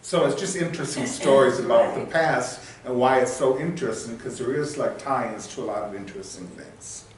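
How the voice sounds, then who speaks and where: A man's voice: medium pitch, fairly quick, few pauses. A man giving a casual local history talk to a meeting, rambling and searching for words with many fillers. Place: meeting hall. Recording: echoey room from far off.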